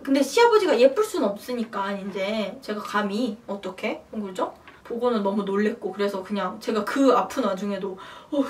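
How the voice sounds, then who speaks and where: A young woman vlogger casually telling a personal story to camera, animated and acting out quotes. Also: mid-range voice, normal speed, distant mic, slight background noise. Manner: animated, acts out her own past shouts and quotes.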